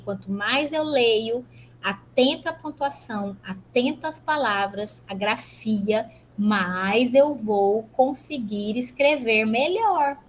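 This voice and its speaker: A Brazilian woman lecturer teaching an online class, brisk and teasing, asking rhetorical questions. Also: on the high side, a bit bright, a little hiss or hum, low-quality recording. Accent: Brazilian Portuguese. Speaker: university lecturer.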